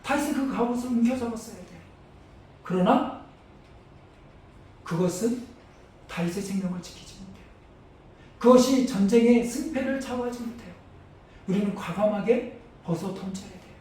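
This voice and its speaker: A man's voice: high-pitched, moderate pace, long pauses, warm tone, slight background noise. A man preaching a sermon as pastor, emphatic, asking his congregation questions and acting out battle cries. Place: church sanctuary. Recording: echoey church hall, mic at a distance.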